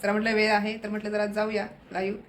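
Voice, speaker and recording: A woman's voice: mid-range voice, monotone, fast, a little hiss or hum. A young woman with a Marathi accent, casually narrating a home vlog to her viewers while doing chores. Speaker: vlogger. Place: apartment at home.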